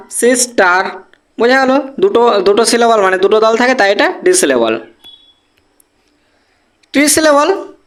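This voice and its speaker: A teacher talks through a basic grammar lesson. The voice sits at a middle pitch, and the delivery is patient, drawing example words out slowly. The teacher keeps pausing to check that the class has understood. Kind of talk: Bengali-language English grammar lesson.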